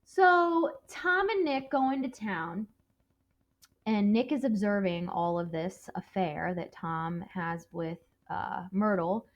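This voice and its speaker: A woman's voice: mid-range voice, slow. A woman teacher going over a novel with her students, chatty, checking in with "okay?" again and again. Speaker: English teacher. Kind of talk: recorded classroom lesson review. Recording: dull lo-fi audio.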